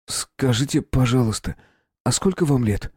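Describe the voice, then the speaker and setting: A man's voice: medium pitch, moderate pace, darkish tone, breathy edge, no room sound, studio quality, pitched above the performer's own voice, close to an everyday voice. A man voicing a polite, curious young boy in an audiobook, asking hesitant questions. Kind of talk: audiobook character voice.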